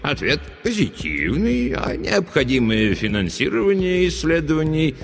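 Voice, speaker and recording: An actor playing a calm male official who speaks in a measured, reassuring way. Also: fairly high pitch, creaky, full character voice. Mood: formal. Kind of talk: audiobook reading. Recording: reverberant with background music.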